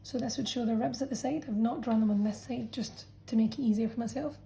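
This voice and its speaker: A woman teacher walks students through a revision lesson in a patient, explanatory way, often pausing to check in. Her voice sits a little high but sounds mellow and warm. It comes across as a friendly classroom explanation. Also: gravelly, a little hiss or hum, low-quality recording. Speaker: science teacher. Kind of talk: revision lesson narration over a drawn diagram.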